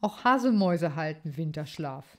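A woman's voice: deep voice, lively intonation, normal speed. A woman voicing Amadeus, a proud and knowledgeable male blue tit. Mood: explaining.

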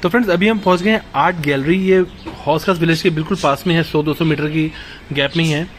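On a walking tour of an old fort and nearby streets, an Indian man in his thirties talks fast into a phone camera held at arm's length. His slightly high voice mixes English words into Hindi as he vlogs his travels. The recording is low quality, with a bit of hiss or hum.

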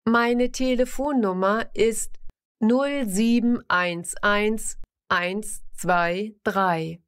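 Each simple example sentence gets read twice by a woman teaching a language lesson, slowly and with careful pronunciation of every word. Her pitch is medium, and she speaks in a careful, steady rhythm with clear enunciation.

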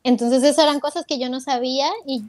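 A woman's voice: sits high, steady tone, fast, darkish tone, no echo. A woman telling her story as an interview guest, candid and full of fillers, quoting her own thoughts aloud. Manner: candid, retells with quoted self-talk and many fillers.

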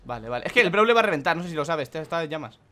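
Young guy from yelling and laughing over a game, high lively voice, talks super fast. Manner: excitable, swearing, loud outbursts and laughter. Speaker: gaming YouTuber. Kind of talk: excited co-op gameplay chat.

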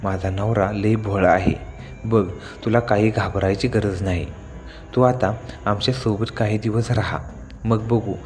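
A man voicing a kind, lonely young village wife in a horror story, speaking in a warm, pleading way. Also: fairly low pitch, steady tone, unhurried, long reverb tail, faint music behind, lightly acted.

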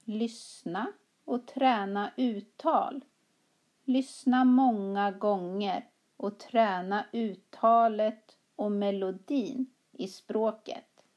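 Mellow-voiced woman teaching Swedish pronunciation. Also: medium pitch, fairly even intonation. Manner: carefully articulated, reads both parts of a dialogue. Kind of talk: slow, clear language-lesson dialogue reading.

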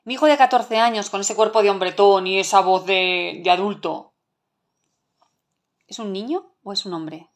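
A woman's voice: medium pitch, moderate pace. Earnest Spanish woman teaching parents. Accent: Spain Spanish. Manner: earnest, emphatic, asks many rhetorical questions. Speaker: parenting educator. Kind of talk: live online masterclass.

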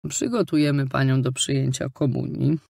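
A woman's voice: extremely low pitch, steady tone, normal speed, creaky, darkish tone, no echo, studio quality, pitched below the performer's own voice, heavily acted. A woman voicing a stout, sweaty middle-aged priest who puffs his words out stiffly and dismissively. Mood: pompous.

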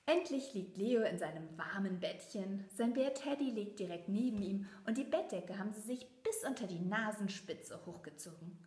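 A woman reading a picture book aloud to children, lively and chatty, showing them the pictures. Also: mid-range voice, moderate pace, hardly any pauses, echoey room. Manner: lively, talks directly to children. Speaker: storybook reader.

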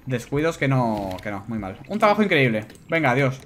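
A man with a Spanish accent giving casual, animated commentary on a video game as he plays, swearing and shouting at his own mistakes. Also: mid-range voice, brisk, slight background noise. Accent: Spanish from Spain. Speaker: gameplay YouTuber. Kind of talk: casual let's-play commentary. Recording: music playing behind.

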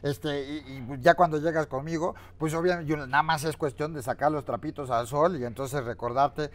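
A man's voice: a little high, steady tone, brisk, natural voice. A man playing a crude, boastful masked figure with a Mexican accent who calls himself a god, mocking and swearing in a comedy interview. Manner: swaggering, foul-mouthed, mocking.

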